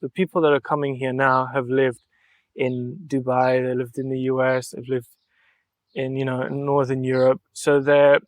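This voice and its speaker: Recorded dry, this young adult man, an artist from Mallorca, Spain, is interviewed on a podcast in a relaxed way. He speaks at normal speed with medium pitch and flat delivery, earnestly reflecting and thinking aloud in long, flowing sentences.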